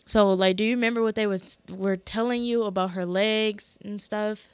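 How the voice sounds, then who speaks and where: A woman's voice: medium pitch, steady tone, moderate pace, clean tone, dry recording. A young woman hosting a podcast, telling a personal story in a casual, chatty way with lots of fillers. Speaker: podcast host. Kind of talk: casual chat.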